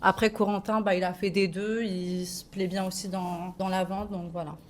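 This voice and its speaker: A chatty woman answers questions about her sales job in a kitchen showroom. Her voice sits at an ordinary middle pitch and she talks casually, with plenty of hesitations and easy laughs. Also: level tone, moderate pace, slight background noise. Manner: chatty, laughs easily, many fillers. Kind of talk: casual answers to young visitors.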